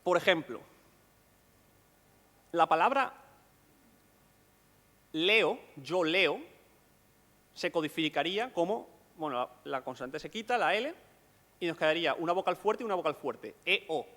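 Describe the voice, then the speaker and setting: A man's voice: a little high, animated, a little slow, long pauses, bright, forceful tone, in a large hall. A man giving a conference lecture, explaining step by step and often checking in with rhetorical questions.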